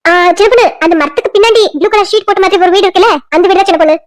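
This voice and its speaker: A woman voicing a bossy village mother with a Kanyakumari Tamil accent, talking in a brisk, scolding way. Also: very high voice, dry recording, clean studio sound.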